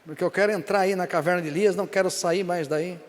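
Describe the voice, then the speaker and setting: Brazilian pastor, man, high-pitched, animated storyteller, church reverb. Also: quick pace. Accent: Brazilian Portuguese. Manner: animated storytelling, frequent "amém?" to the congregation. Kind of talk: sermon. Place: church service.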